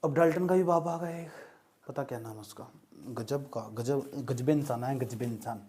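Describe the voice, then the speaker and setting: A man's voice: mid-range voice, normal speed, mellow. A male teacher lecturing a class in a joking way, often stopping to check that students follow.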